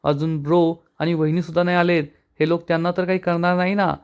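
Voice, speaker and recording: A man voicing a frightened young daughter who speaks anxiously. The voice is lifted a little higher. The lines are quick and worried. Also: little pitch movement, darkish tone, clean tone, lightly acted. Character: scared young woman, a daughter.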